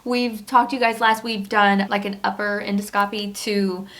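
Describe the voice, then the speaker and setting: A woman in her fifties who cares for her husband, hosting a casual home vlog and speaking earnestly and openly, with many fillers and soft laughs. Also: medium pitch, little pitch movement, normal speed. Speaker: spouse and caregiver, vlog host.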